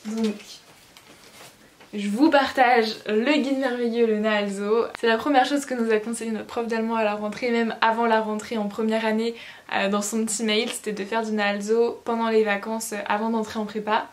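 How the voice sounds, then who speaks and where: An eighteen-year-old woman talking casually to viewers in a study vlog, chatty and relaxed with little fillers and asides. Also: on the high side, fairly quick. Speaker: student vlogger.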